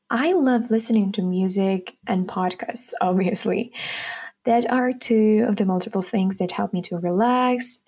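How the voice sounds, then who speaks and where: In this casual solo episode, a 19-year-old podcast host from Ukraine chats brightly and directly with her audience. She speaks at a medium pitch, mellow with a breathy edge.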